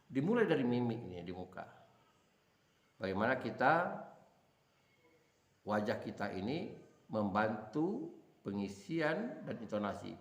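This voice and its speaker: A man's voice: mid-range voice, vocal fry. A man teaching a class, explaining and demonstrating intonation on single words. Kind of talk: lecture on voice and acting practice. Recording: echoey room.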